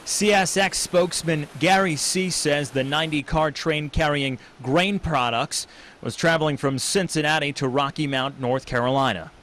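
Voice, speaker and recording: An American man reporting the news and anchoring sports with a crisp broadcast delivery that turns jokey in the sports segments. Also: on the high side, normal speed, fairly bright tone, a little hiss or hum.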